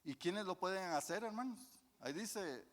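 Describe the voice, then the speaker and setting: A man's voice: high voice, lively intonation, normal speed, slight background noise. Folksy preacher man in a reverberant church. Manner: folksy, addresses the congregation as brothers, asks and answers questions. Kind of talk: sermon. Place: church hall.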